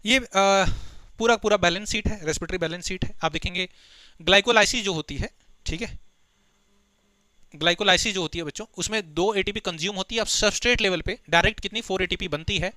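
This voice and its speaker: A man teaching biology for an exam, explaining step by step, asking students quick questions and mixing in read-out English textbook lines. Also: sits high, sharp tone, no echo. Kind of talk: exam-prep lecture.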